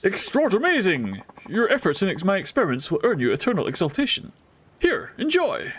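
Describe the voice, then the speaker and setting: A man's voice: high voice, wildly swooping pitch, fairly quick, fairly bright tone, husky, pitched above the performer's own voice, exaggerated voice. A man voicing an eccentric male inventor character from a game, reading his wordy, alliterative lines with a pompous, shifting put-on accent. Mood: exultant. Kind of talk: reading game dialogue aloud.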